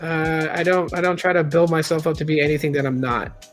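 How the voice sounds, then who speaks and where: A man's voice: fairly high pitch, a little fast, soft background music. A man in his late thirties hosting a live stream, talking candidly in a rambling, casual way with many restarts and reading chat aloud. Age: 30s.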